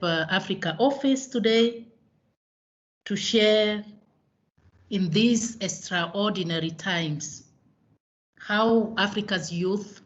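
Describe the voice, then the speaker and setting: A woman director giving an earnest, emphatic welcome speech over a video call. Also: medium pitch. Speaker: regional director opening a meeting. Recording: slightly dull video-call audio.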